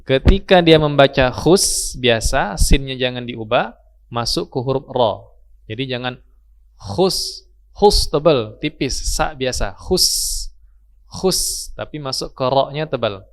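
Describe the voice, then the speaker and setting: This is a man leading a Quran recitation class in a mosque study circle. He talks unhurriedly at an ordinary mid pitch, repeating example words again and again and drawing each sound out so his students can follow. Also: a little slow. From Indonesia. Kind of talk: slow patient tajweed lesson with recited examples.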